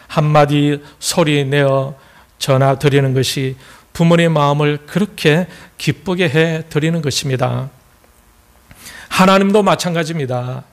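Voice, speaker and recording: A man with a Gyeongsang accent preaching a sermon as pastor, folksy and joking as he tells a story. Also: a little high.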